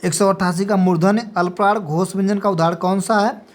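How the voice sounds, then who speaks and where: A female teacher's mid-range voice, fairly even in intonation and a little fast, reads multiple-choice exam questions and options aloud. She confirms every answer with a brief check, repeating "ठीक है" after each, during an exam practice lecture.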